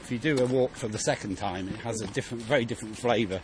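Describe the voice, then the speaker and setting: A man chatting on a city walk, halting and restarting his sentences. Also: fairly low pitch. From England. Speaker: walk participant. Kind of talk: casual conversation while walking. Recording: outdoor street noise.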